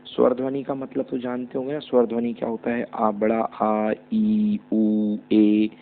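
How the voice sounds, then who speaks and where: A man's voice: on the low side, completely flat delivery, unhurried. Man, teacher, grammar lesson, asks and answers his own questions, phone-like narrow audio. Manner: asks the class questions and answers them himself. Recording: tinny phone-like audio with hum.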